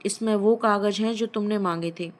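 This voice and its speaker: A fussing, kindly aunt from a storybook, as a woman narrator puts her on. She keeps asking what is wrong and pleads for the boy. Her voice sits at an ordinary middle pitch. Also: fairly even intonation, moderate pace, natural voice. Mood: concerned. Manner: questioning, pleading.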